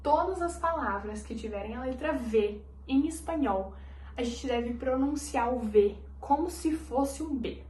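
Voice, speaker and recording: A woman leads a lesson at an unhurried, deliberate pace, saying each letter over and over for students to copy. Her voice sits a little high. The recording is roomy, with a clear echo around her. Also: animated, darkish tone. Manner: patient, drills each letter by repeating it slowly. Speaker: Spanish teacher. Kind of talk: language lesson explanation.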